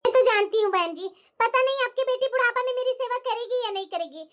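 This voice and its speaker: A woman's voice: very high voice, quick pace. A woman voicing a boastful, scheming middle-aged mother-in-law who brags and taunts. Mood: fake sweet. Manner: bragging, taunting, sweetly fake on the phone. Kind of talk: cartoon voice acting.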